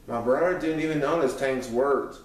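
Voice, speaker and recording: An audiobook narrator reads a first-person story aloud as scripted narration. His mid-range voice moves at a moderate pace. The room is echoey and he is far from the microphone.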